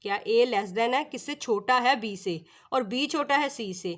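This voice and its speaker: A woman teacher working through maths exercises, reading English lines slowly and then explaining in quicker asides, often asking and answering her own questions. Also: on the high side.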